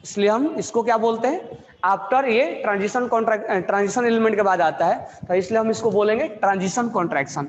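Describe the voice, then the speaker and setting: A male chemistry teacher giving a classroom lecture, asking questions and answering them himself, repeating key phrases slowly. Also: sits high, long reverb tail, dull audio, a little hiss or hum. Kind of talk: classroom lecture in Hindi mixed with English.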